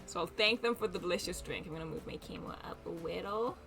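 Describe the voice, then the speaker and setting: A woman's voice: lowish voice, fast, creaky, music in the background. A young woman streaming a dating game, chatting casually and reading the game text aloud with giggly asides. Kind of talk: casual let's play chat and reading aloud.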